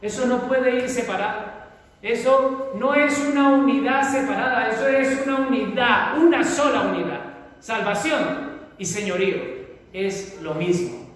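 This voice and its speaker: A pastor delivers a fervent sermon, leaning hard on each stretched-out phrase. His voice sits unusually high for a man, and he preaches at a slow pace. The sound is distant and booms around a large reverberant hall. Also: a bit bright. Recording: echoey hall from far off.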